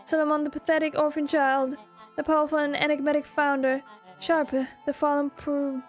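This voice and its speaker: Woman playing a slow, menacing child villain, high-pitched. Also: little pitch movement, natural voice. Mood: grandiose. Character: scheming villain with a child's body, smug and condescending. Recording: music playing behind the voice.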